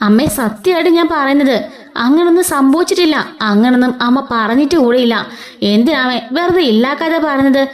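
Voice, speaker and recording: A woman's voice: high-pitched, fairly quick, close to an everyday voice. A woman voicing a hurt young wife who pleads and protests. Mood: pleading. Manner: pleading, upset.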